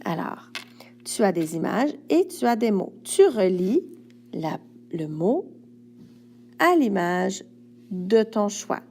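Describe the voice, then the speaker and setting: A woman teacher with a Quebec French accent records worksheet instructions for a child. She speaks slowly and patiently, one step at a time. Her voice has a gravelly, creaky texture. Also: medium pitch, sing-song, a little mellow, slight background noise. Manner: patient, speaks directly to a young pupil step by step.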